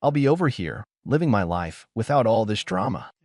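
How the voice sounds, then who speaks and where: A man's voice: on the low side, very animated, moderate pace, darkish tone, no room sound. A man voicing a spiteful young woman, a former best friend, who talks with mocking sarcasm. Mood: sarcastic, mocking.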